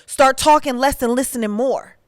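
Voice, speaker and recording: A woman, hosting a podcast in a candid, animated way that turns preachy. Her voice sits a bit high. The sound is dry and close, with no room around it. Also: normal speed, no echo. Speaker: podcast host. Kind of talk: casual monologue with preaching.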